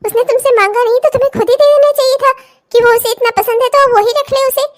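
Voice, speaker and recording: A woman's voice: very high-pitched, steady tone, fast. A woman voicing a bossy older mother-in-law in a cartoon, lecturing her new daughter-in-law in a scolding manner. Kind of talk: cartoon voice acting.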